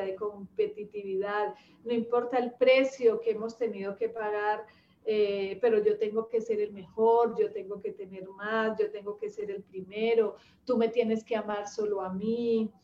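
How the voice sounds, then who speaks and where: A woman in her fifties talking in an unhurried, reflective way, often pausing with hesitations, as she shares personal thoughts. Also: medium pitch, steady tone, dark tone, echoey room, muffled recording, a little hiss or hum. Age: 50s. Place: rural home with animals nearby.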